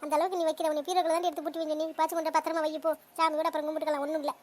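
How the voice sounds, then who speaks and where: A woman voicing a bossy older mother-in-law in a comedy cartoon, scolding in rapid-fire bursts. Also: sits high, little pitch movement, a little mellow, lightly acted. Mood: furious.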